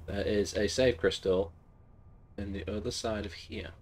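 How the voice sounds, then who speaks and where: While playing a game on a home stream, a congested man in his thirties who is losing his voice rambles and jokes with chatty asides. His voice is lowish and somewhat dark, his intonation fairly even, and his pace a little slow, with a slight hiss or hum present.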